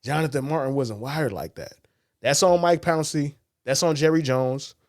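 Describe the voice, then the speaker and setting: A man's voice: a little high, normal speed, a little mellow, no room sound, clean studio sound. A man co-hosting a sports podcast in casual talk, blunt and profane, telling stories animatedly and quoting others. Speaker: podcast co-host.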